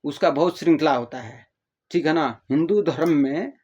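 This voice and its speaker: A man's voice: fairly high pitch, moderate pace, darkish tone, husky. Older man, rambling and repetitive, lo-fi. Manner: rambling, repeats words, plays out imagined listeners' replies; addresses listeners as "babu". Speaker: explainer. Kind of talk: casual spoken explanation. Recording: dull lo-fi audio.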